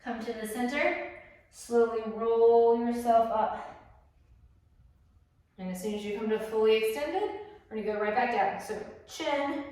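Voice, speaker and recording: A woman's voice: on the high side, darkish tone. A woman fitness instructor talking through a stretching class while she moves, encouraging and a little out of breath. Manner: encouraging, talks while exercising. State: slightly out of breath. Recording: very echoey room, distant mic.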